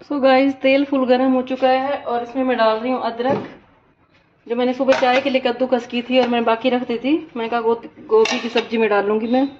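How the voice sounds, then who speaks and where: A woman's voice: on the high side, level tone, a little fast, darkish tone, lo-fi sound, slight background noise. A woman with a head cold chatting casually to her viewers in a home vlog, talking straight to the camera. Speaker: home vlogger. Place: home, kitchen and house.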